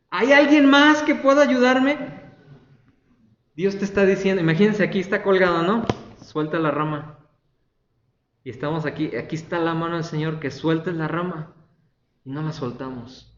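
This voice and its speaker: A man's voice: on the high side, echoey room, muffled recording. A man preaching a sermon as a pastor, conversational and often asking the congregation questions.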